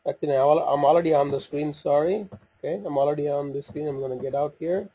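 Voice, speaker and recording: Thinking aloud while he operates the screen, a male demonstrator walks through software in a voice-over for a screen recording, explaining each step in a casual, halting way. He has a mellow, soft voice with some rasp, a pitch slightly higher than average, and fairly even intonation.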